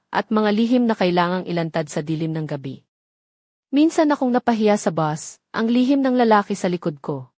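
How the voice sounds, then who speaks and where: A woman's voice: mid-range voice, a little mellow, no echo, studio quality. A woman narrating a dramatic first-person story from a script in a heartfelt, emotional way.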